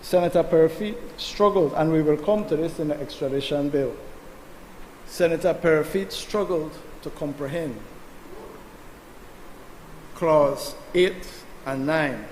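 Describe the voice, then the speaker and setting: A man's voice: fairly high pitch, unhurried, long pauses, a little mellow. A man giving an emphatic, combative speech as a senator in a parliamentary debate, addressing the chair. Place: legislative chamber. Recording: echoey chamber with long reverb, faint noise.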